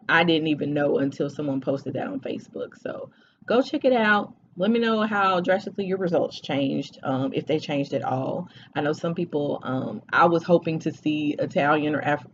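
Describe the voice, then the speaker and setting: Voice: mid-range voice, dull audio, slight background noise. A vlogger in their forties chatting casually to camera, talking hesitantly with many fillers and restarts. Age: 40s.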